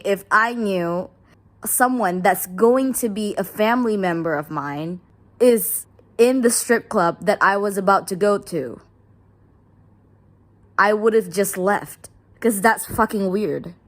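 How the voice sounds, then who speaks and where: Woman, blunt casual commentary, swears freely, mid-pitched voice, dry close sound. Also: lively intonation, measured pace, no room sound. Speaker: reddit story commentator. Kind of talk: casual commentary and reading posts aloud.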